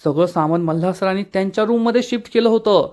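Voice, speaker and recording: A man voicing an irritated young wife in a spoken serial recap, in his own high voice with a scolding delivery. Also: quick pace, a little mellow, lightly acted. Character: angry young wife, annoyed and stubborn.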